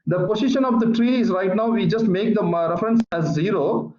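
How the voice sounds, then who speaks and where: A man teaching a physics lesson over an online call, explaining slowly and patiently with many repetitions. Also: sits high, darkish tone. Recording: echoey, muffled online call audio.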